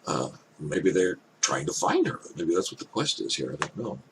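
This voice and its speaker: An older man with an elderly-sounding voice gives casual off-the-cuff commentary, thinking aloud in halting, hesitant phrases. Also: low voice, big pitch swings. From Canada. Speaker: reaction video host. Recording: clear background noise.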